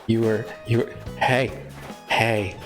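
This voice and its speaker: A man's voice: on the low side, level tone, takes it slowly. A man chatting casually on a live stream, rambling and breaking off mid-sentence to joke. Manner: chatty, rambling, self-interrupting. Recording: faint guitar music behind.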